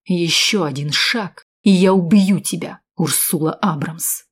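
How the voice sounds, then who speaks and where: A cruel male villain sneers and hisses his threats in a storybook reading. A woman plays him, keeping her voice low. He sounds cold and scornful. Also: a little slow. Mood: sneering. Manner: sneering, hissing. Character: cruel mocking man, menacing villain.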